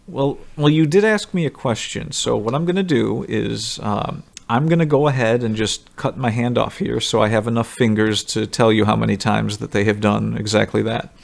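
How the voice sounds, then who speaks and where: A man in casual political talk, making deadpan sarcastic jokes. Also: lowish voice, normal speed, creaky, hardly any pauses. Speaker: podcast co-host.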